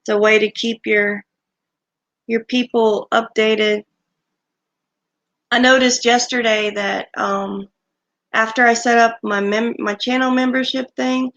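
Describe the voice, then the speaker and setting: A woman hosting a livestream, chatting casually with viewers and thanking them one by one, her voice creaky since she has just woken up and is recovering from illness. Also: medium pitch, fairly bright tone. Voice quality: creaky morning voice. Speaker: livestream host. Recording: dull lo-fi stream audio.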